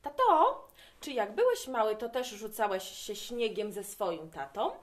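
A bubbly little boy from a children's picture book, all eager questions and excited shouts, his voice jumping way up high and bursting loud when he gets worked up, as a woman reads him aloud. He sounds keen and full of wonder. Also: unhurried. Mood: curious. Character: cheerful curious little boy, storybook narrator-hero.

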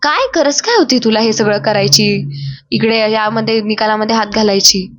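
A woman's voice: on the high side, normal speed, fairly bright tone, no echo, lo-fi sound, close to an everyday voice. A woman voicing a distraught middle-aged mother who pleads tearfully and scolds shrilly, in a retold TV drama. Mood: scolding.

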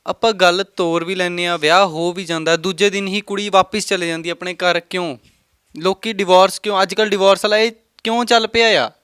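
A man's voice: high-pitched, little pitch movement, brisk, a bit bright, clean tone, no echo, clean studio sound. A man interviewing villagers with friendly questions in a casual chat.

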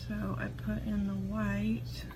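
Casting: woman, Appalachian accent, slow rambling casual chat while painting, noisy phone recording on a porch. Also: medium pitch, monotone. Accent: Appalachian, Southern hillbilly. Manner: unhurried, rambling, talking half to herself, often trailing off. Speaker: amateur painter. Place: screened porch at home. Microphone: phone near the easel. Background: clear ambient noise.

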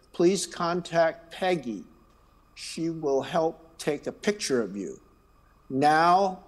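A Chinese-native man leads a church's call to worship and reads the announcements from the front of the sanctuary, speaking slowly. He has a slightly high, mellow voice and a relaxed, friendly style, dropping in little asides.

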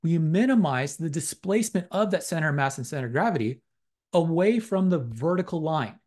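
A man lecturing on exercise science goes through his slides in a methodical, academic way, repeating the same technical terms as he explains. His slightly raised voice is a little high and darkish, with lively intonation and a fairly quick pace.

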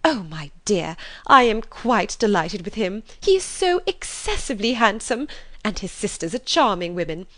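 A woman reading aloud, voicing an excitable, gushing middle-aged mother who talks in high, emphatic bursts. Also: normal speed. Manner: breathless, effusive, high and emphatic.

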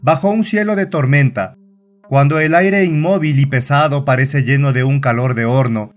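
Male narrator, Latin American accent, measured dramatic horror audiobook read over faint music. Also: mid-range voice. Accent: Latin American Spanish.

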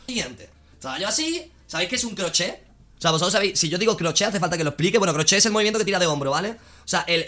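A man's voice: a little high, no echo. A young man animatedly telling viewers a street anecdote, acting out the scene and addressing them directly. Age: young adult. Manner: lively, acts out the scene, addresses the audience directly.

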